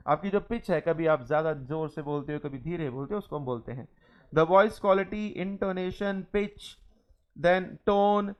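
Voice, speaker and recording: A young man. He reads each English line slowly and carefully, then explains it at an easy conversational pace. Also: on the high side, clean tone, muffled recording. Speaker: teacher. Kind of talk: classroom lecture.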